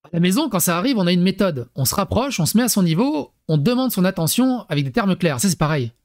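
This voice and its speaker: A man commenting comically on a parenting text he reads aloud, with animated, crude talk and mock acting mixed in. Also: sits high, fast. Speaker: YouTube commentator.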